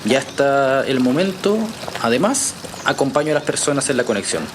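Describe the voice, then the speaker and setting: In a naturalistic audio drama, an actor with a Chilean accent plays an easygoing male journalist who explains his research casually and a little hesitantly, yet with earnest conviction. His medium-pitched voice sounds natural and animated at a moderate pace, with background noise present.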